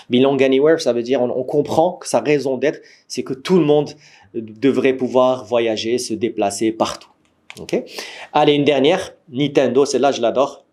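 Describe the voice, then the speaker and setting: A man with a Moroccan French accent teaching an online workshop to startup founders over a video call, lively and questioning, with frequent restarts. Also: medium pitch. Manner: lively, asks the group for agreement often, many restarts; says he is a gamer. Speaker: startup trainer. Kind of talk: online training lecture. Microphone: computer mic on a video call.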